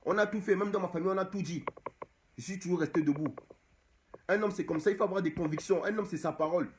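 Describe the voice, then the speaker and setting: A man's voice: high-pitched, fast talker, slight background noise. A young man from Cameroon, an activist abroad, speaking straight to the camera and exhorting his audience, repeating the same phrases again and again. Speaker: diaspora activist. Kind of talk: impassioned direct-to-camera monologue.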